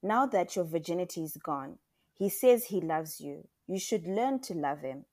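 A woman's voice: on the low side, lively intonation, moderate pace, a little mellow. A woman reading as an anxious, stern mother. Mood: hushed, coaxing. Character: anxious, stern mother pushing her teen daughter.

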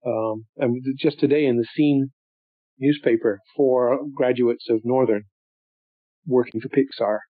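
A man's voice: mid-range voice, steady tone, unhurried, no room sound. Older man, reflective storyteller, hesitant and meandering; phone-like audio. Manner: rambling, thoughtful, many ums and restarts. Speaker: interviewee.

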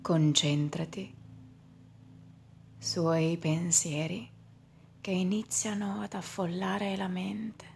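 A woman leading a guided meditation in a slow, soft voice that often drops into a whisper. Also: fairly low pitch, fairly even intonation, gravelly, slight background noise.

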